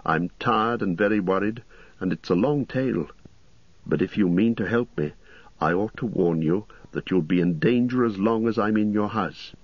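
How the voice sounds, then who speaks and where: A man's voice: fairly low pitch, moderate pace, dry recording, dull audio, lightly acted. A man voicing a polite, worried young male hobbit, earnest and a little hesitant, in a storybook reading. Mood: weary, earnest.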